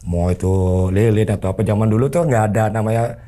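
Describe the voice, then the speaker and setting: A man's voice: fairly low pitch, fast talker, warm tone. A man telling a story as an interview guest, earnestly acting out the remembered dialogue. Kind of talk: conversational storytelling.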